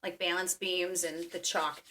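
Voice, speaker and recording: A woman's voice: fairly low pitch, little pitch movement, unhurried, sharp tone. A woman telling the story of a recurring dream in a chatty way, full of fillers. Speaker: dreamer guest. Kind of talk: conversational storytelling.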